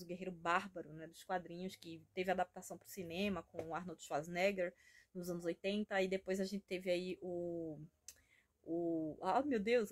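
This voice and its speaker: A Brazilian woman with a Brazilian Portuguese accent, chatting casually and enthusiastically in a homemade reading vlog from home, rambling with frequent tag questions. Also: mid-range voice. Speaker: book vlogger.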